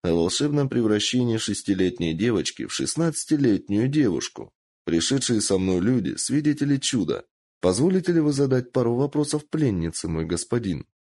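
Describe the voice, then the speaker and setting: A man's voice: mid-range voice, very animated, normal speed, dark tone, pitched above the performer's own voice. A man doing a cold, mocking guard captain. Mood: deferential. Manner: mocking, menacing.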